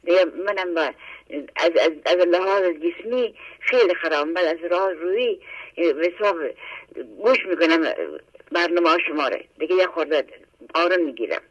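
A woman's voice: on the low side, pauses often, dry recording. An older woman calling in, polite and profusely thankful, sometimes stammering. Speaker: caller. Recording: muffled phone line.

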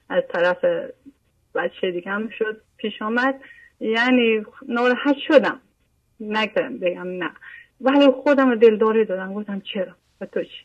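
A woman's voice: medium pitch, lo-fi sound. An older woman calling in, telling a personal story in an earnest, repetitive way. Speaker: caller. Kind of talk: phone-in chat.

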